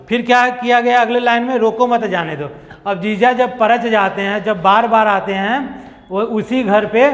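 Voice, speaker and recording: A male teacher runs an exam-prep grammar lesson in a fairly high voice, repeating his points and checking in with listeners often. He reads examples slowly, word by word. The room gives his voice a long reverb tail. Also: a bit bright.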